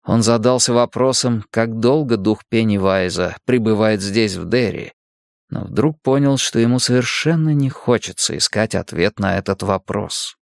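Steady male audiobook narrator. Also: on the low side, moderate pace, vocal fry, dry recording, studio quality. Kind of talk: scripted narration.

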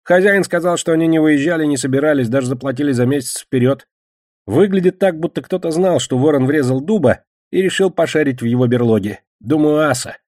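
A man reading an audiobook voices an excitable, defensive young man in a high, nervous register. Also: fairly quick, dry recording, studio quality, natural voice. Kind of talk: audiobook character voice.

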